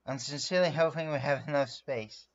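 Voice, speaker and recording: Here a French streamer, native to the language, talks loosely through a drawing session live, filling gaps with fillers and describing each move. His voice sits a little high and has a sing-song lilt, delivered at a measured pace over dull-sounding audio.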